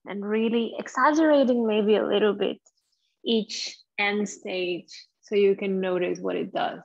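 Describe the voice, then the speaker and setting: A woman yoga teacher guiding a class, giving soft, unhurried breathing cues and gentle movement instructions. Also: mid-range voice, lo-fi sound.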